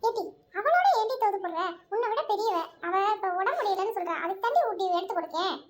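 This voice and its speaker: A woman's voice: very high-pitched, expressive, fast. A woman voicing a scolding middle-aged mother in a home family drama where she plays every role. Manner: scolding, calls daughters "ஏடி". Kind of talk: home family drama, one narrator voicing all roles.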